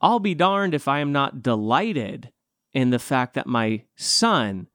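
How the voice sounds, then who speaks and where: A man's voice: mid-range voice, big pitch swings, takes it slowly, a bit bright, no room sound, clean studio sound. A man hosting a casual faith conversation, easygoing and affirming, telling anecdotes about his son.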